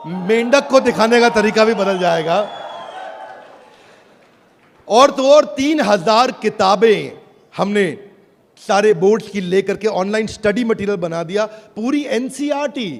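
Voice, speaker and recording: High pitched guy hyping up a crowd on stage, big reverby hall. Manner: rousing, rhetorical questions to the crowd. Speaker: presenter on stage. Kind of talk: motivational product pitch.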